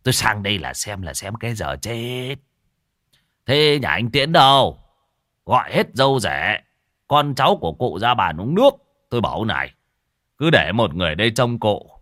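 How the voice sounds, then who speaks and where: A bossy old village sorcerer, put on by a storytelling man, barking orders in a raised, pitched-up voice. He is brusque and impatient and swings his voice up and down. The voice is dry and close to the mic. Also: big pitch swings, moderate pace, fairly bright tone, dry recording. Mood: scolding.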